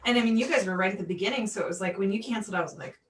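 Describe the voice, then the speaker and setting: A woman's voice: medium pitch, rapid-fire, echoey room, distant mic, a little hiss or hum. A woman co-hosting a podcast, chatting reflectively and conversationally. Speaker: podcast co-host. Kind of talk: casual chat.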